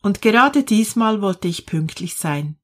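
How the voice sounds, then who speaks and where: A woman's voice: mid-range voice, animated, unhurried. Woman reading as a kind, eager young angel boy. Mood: earnest. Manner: earnest, gentle. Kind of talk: storybook reading.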